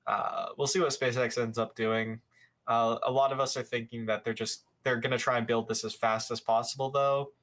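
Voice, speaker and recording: A young man hosting a live show, giving casual commentary over footage, rambling with many fillers and quick self-corrections. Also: mid-range voice, sharp tone.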